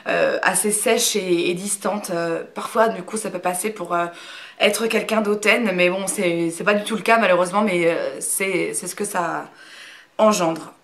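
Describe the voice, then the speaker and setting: A woman's voice: on the low side, moderate pace, vocal fry, a bit bright. A woman in her thirties from Brittany, talking to camera in a casual, hesitant way with lots of fillers, frank and reserved. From Brittany, France. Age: 30s. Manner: hesitant, many fillers and restarts. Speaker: YouTuber. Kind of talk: casual talk to camera, answering a question tag.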